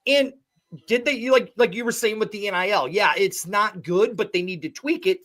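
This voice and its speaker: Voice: mid-range voice, moderate pace, a bit bright. Forty-something co-host, mid voice, chatty, keeps asking eager questions. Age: 40s. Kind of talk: casual chat.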